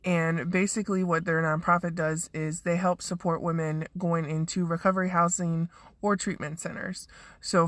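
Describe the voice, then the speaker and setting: A woman's voice: on the low side, fairly bright tone, no echo. A woman who is losing her voice, casually recapping her event and thanking sponsors with lots of ums. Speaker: event organizer. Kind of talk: casual live video recap.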